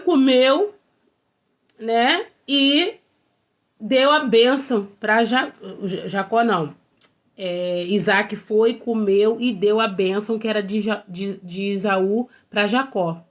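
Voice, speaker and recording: A woman leads an informal Bible study for a women's group. Her voice sits on the higher side, and she talks in a loose, conversational way, checking in with tag questions and correcting herself mid-sentence. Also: takes it slowly. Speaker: women's ministry Bible teacher.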